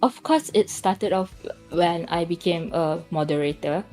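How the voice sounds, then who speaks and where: A woman's voice: fairly low pitch, measured pace, darkish tone, faint music behind. A woman talking casually as a podcast guest, rambling and restarting her sentences.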